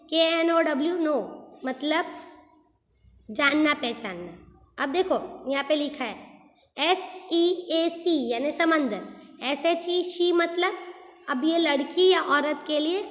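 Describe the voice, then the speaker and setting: Woman teacher, high voice and an unhurried pace, patiently explains and spells out words for kids. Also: echoey room, in a large hall. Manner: slow, patient, repeats and spells out words letter by letter. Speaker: school English teacher. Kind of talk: explaining homophones to young children.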